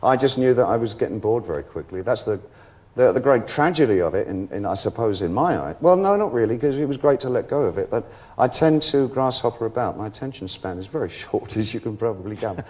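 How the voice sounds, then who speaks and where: Middle-aged man, lively anecdotal talk show guest. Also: medium pitch, fast talker, hardly any pauses. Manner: animated storyteller who acts out other people's voices and laughs often. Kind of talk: casual anecdotal interview chat.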